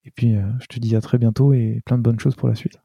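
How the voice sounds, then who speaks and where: A man hosting a casual interview podcast, relaxed and a little halting in his speech. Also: medium pitch, gravelly, husky, no echo, studio quality. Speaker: podcast host.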